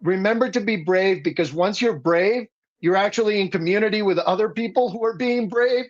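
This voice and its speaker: On lo-fi audio, a Dominican Republic–raised activist appears as a guest in a political talk, speaking fairly quickly in a high voice. His delivery is passionate and insistent, with mounting emphasis.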